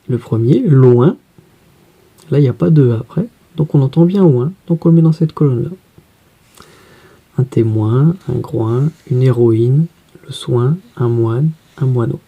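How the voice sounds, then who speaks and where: A woman teacher guiding pupils through a reading workbook, spelling letters out slowly and carefully. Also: rumbling low, breathy edge, narrow, tinny audio.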